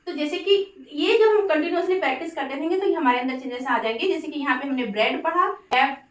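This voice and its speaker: A woman's voice: sits high, fast, roomy sound, recorded from a distance, low-quality recording. A woman teaching English pronunciation in a patient lesson, spelling words out letter by letter and checking in often. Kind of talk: Hindi-language English phonics lesson.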